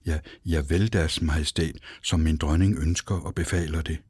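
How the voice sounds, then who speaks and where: A timid, kind storybook hunter who stammers and mutters, as a male narrator plays him. The voice sits low and soft, husky and dry. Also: fairly even intonation, no echo. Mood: fearful. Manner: stammering, subdued.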